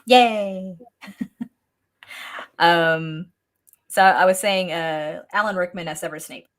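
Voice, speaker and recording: A woman's voice: on the low side, slow pace, fairly bright tone. A woman in her thirties joining a casual livestream chat as a guest, giggly and bubbly, on a video call mic. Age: 30s. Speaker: guest co-host.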